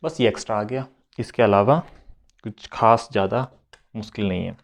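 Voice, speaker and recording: This man speaks at a normal speed in a lowish voice with vocal fry. As a French teacher leading a slow, explanatory lesson for beginners, he goes back and forth between Hindi and English, going over every point more than once.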